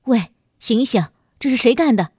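Woman doing a young cop yelling accusations, voice pushed down low, dry sound. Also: animated, normal speed, slightly rough, no echo. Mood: accusing. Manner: barking accusations. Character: brash young male police officer.

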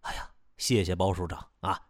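A man's voice: deep voice, normal speed, no echo, clean studio sound, pitched below the performer's own voice, lightly acted. A man doing a fawning braggart detective. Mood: boastful. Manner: flattering and self-promoting. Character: fawning boastful male detective.

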